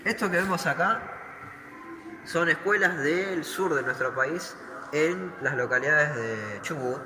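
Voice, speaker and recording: Guiding visitors through a museum hall, an Argentine man with a medium-pitched voice explains as he walks and answers his own questions. There's a lot of echo and loud background noise in the recording.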